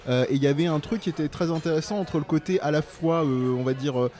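A man's voice: on the high side, fast, a little mellow. A man co-hosting a casual chat podcast, hesitant and searching for words. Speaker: co-host.

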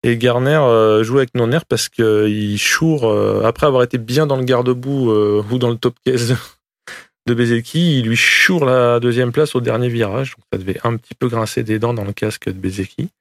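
Guy doing motorsport commentary race recap, slangy and jokey, bit of gravel, no room echo. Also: medium pitch, moderate pace. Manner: colloquial, joking, slangy.

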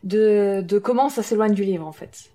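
A woman's voice: mid-range voice, moderate pace, mellow. A woman on a panel in a casual film discussion, explaining things informally with hesitant phrasing. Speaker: podcast panelist, teacher.

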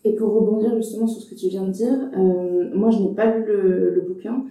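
A woman's voice: mid-range voice, fairly even intonation, fairly quick, warm tone, heavy reverb, recorded from a distance, poor audio. A woman reviewing films in a casual panel discussion, hesitant with many fillers. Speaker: film critic panelist.

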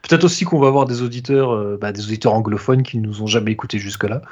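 A man's voice: lowish voice, fast, a little mellow. A man hosting a podcast in casual chat, rambling and hesitant, often joking at his own expense. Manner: rambling, hesitant, self-mocking. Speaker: podcast host. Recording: dull lo-fi sound.

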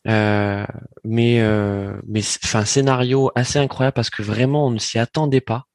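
A man's voice: medium pitch, steady tone, normal speed, a little mellow, dry recording. Male football commentator, dry close sound. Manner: rambling, frequent restarts. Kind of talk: casual match commentary.

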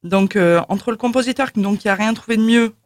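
A woman's voice: medium pitch, fairly quick, no room sound, studio quality. A woman co-hosting a radio show, chatting casually with lots of fillers and laughter. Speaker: radio co-host.

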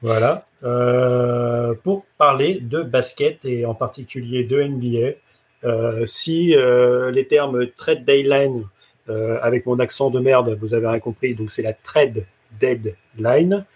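A man's voice: mid-range voice, unhurried. A man hosting a casual live football talk show, joking and handing the floor to his co-hosts. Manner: jokey, leads the segments and hands over.

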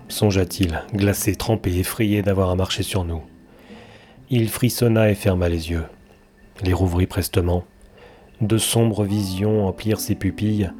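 A man reading a dark story aloud as the narrator, with a measured, deliberate delivery and long pauses. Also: fairly low pitch. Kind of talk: dramatic audiobook story reading. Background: faint background music.

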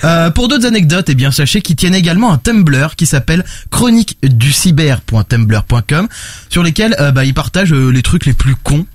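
A man's voice: fairly high pitch, lively intonation, moderate pace, dry recording. Chatty man reviewing a podcast. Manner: chatty, enthusiastic, many fillers and restarts. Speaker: podcast reviewer presenting picks.

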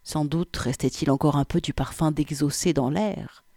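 A woman's voice: sits low, fairly even intonation, normal speed, mellow, no room sound. A woman reading a first-person story as an audiobook narrator, with wry, vivid storytelling on a close microphone.

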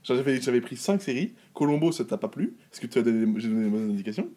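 A man's voice: medium pitch, expressive, quick pace, warm tone. A young man co-hosting a podcast, playfully protesting and laughing through the banter. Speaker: podcast co-host. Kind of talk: casual banter.

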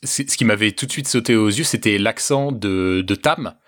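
A man with a fairly low voice talks casually on a podcast. He stops and restarts, searching for words as he goes. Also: normal speed, fairly bright tone. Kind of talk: casual chat.

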